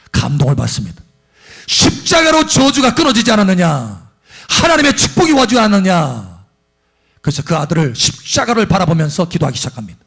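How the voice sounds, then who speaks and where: A man's voice: vocal fry, husky. A man preaching a sermon as pastor, passionately acting out prayers and blessings. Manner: impassioned preaching, voice surging high on quoted prayers and blessings.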